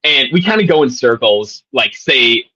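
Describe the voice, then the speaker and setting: Young man, casual storyteller, animated, bright husky voice, dry muffled recording. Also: medium pitch, moderate pace, no room sound. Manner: animated, many fillers and restarts. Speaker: guest, former college tennis player.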